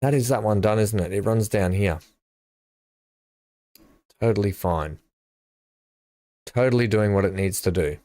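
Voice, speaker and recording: A man's voice: lowish voice, a little slow, pauses often, warm tone, dry recording. A middle-aged man, chatting and thinking aloud while he streams a building game live. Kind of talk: live gameplay commentary.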